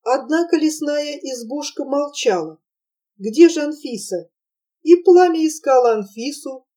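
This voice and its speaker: A woman narrating an audiobook in a slow, expressive storytelling manner. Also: sits high, far from the mic.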